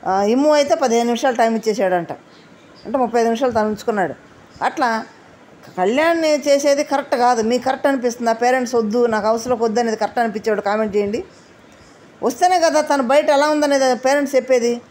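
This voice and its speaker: A woman's voice: on the high side, fast, a little mellow, a little hiss or hum. A woman giving casual commentary on a reality show, chatty and often asking viewers to leave comments.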